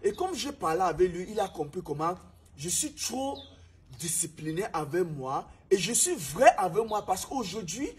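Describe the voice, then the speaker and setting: A man's voice: sits high, very animated, moderate pace, darkish tone, slight background noise. A young man from Cameroon with a Cameroonian French accent, telling his life story as a preachy, emphatic motivational talk. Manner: preachy, emphatic, repeats himself. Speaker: restaurant manager.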